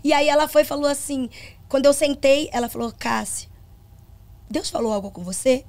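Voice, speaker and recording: A woman's voice: sits high, moderate pace, darkish tone. A middle-aged woman, a gospel singer and pastor, telling a personal testimony on a podcast in an earnest storytelling manner and acting out the dialogue.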